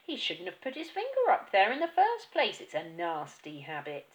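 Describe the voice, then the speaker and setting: A woman voicing a sharp-tongued mother who scolds and lectures in a storybook reading. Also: medium pitch, wildly swooping pitch, moderate pace, poor audio. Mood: lecturing. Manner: bossy, lecturing.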